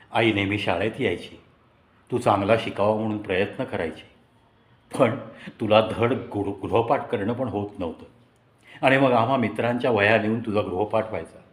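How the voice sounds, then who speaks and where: A man narrating a personal story in a conversational, reflective way with dramatic pauses. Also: on the low side. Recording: echoey room.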